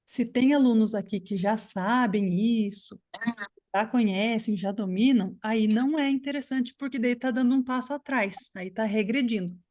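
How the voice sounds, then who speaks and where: Woman teacher, slightly high voice, patient explainer on a video call. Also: normal speed, a little mellow. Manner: patient, explanatory, checks understanding often. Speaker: English teacher. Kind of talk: live online class.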